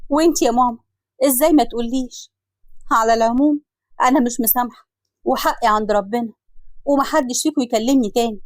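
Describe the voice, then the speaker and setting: A woman's voice: on the high side, fast, pauses often, dry recording, studio quality, lightly acted. A woman with an Egyptian Arabic accent voicing a generous married woman wronged by her siblings, speaking emotionally. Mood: indignant. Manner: emotional, pleading, indignant.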